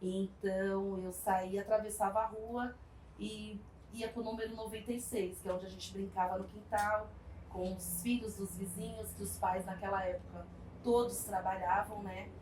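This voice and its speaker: A woman, telling her life story in an interview with reflective pauses and small hesitations. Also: mid-range voice, fairly even intonation. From São Paulo, Brazil. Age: 40s. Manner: reflective, warm storytelling with frequent hesitations and tag questions. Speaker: interviewee, community project worker. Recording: echoey room, distant mic, faint background noise.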